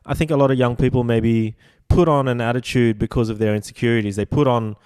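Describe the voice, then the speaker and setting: A man in his forties hosting a casual podcast interview, asking rambling questions with halting restarts, fillers and casual swearing. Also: medium pitch, fairly even intonation, darkish tone, clean tone. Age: 40s. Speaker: podcast host.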